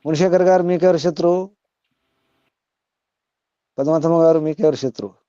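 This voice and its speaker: A man teaching to a group on a call, asking listeners direct questions and reciting verses slowly. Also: on the high side, fairly even intonation, warm tone, clear, resonant tone, dry recording, muffled recording. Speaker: spiritual teacher. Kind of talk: teaching over an online call.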